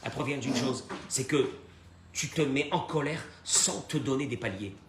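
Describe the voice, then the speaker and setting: A man teaching a Torah lesson as a rabbi, animated, swinging from hushed to loud and acting out short dialogues. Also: medium pitch, normal speed. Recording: echoey room with faint noise.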